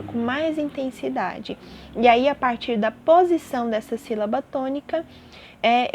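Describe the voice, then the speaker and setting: A woman teacher, explaining a grammar lesson to young students patiently, often checking in with them. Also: a little high. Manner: patient, repeats terms and checks in with "tá bom?".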